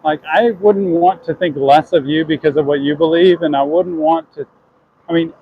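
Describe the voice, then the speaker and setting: A man's voice: on the high side, normal speed, narrow, tinny audio, slight background noise. A man chatting earnestly to his viewers while walking down city streets, answering questions from chat.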